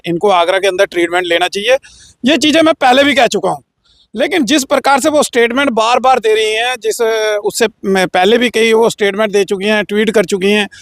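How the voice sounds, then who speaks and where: A man's voice: high-pitched, a bit bright, no echo, clean studio sound. A man as an interview guest giving a heated, combative political statement with frequent filler phrases. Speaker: interview guest, local group leader.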